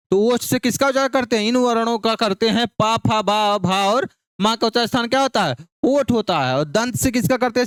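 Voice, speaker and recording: High-voiced man drilling Hindi syllables. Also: a bit bright, clear, resonant tone, no echo, studio quality. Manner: repetitive call-and-response drilling of syllables. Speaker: teacher. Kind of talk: exam-prep phonetics lesson.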